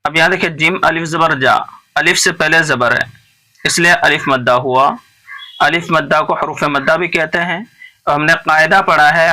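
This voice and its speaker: A man teaching how to recite the Quran, going through each letter step by step. His voice is bright and cutting, and it sits a little high. He speaks slowly and patiently, repeating each word. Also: poor audio. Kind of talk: tajweed lesson, explaining rules between slow recited verses.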